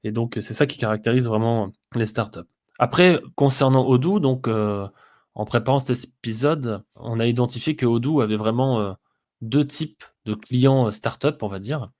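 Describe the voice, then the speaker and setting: Hesitant French man explaining business software. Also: mid-range voice, moderate pace. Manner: hesitant, many "heu" fillers, explanatory. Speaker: podcast co-host, business software consultant. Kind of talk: casual business podcast discussion.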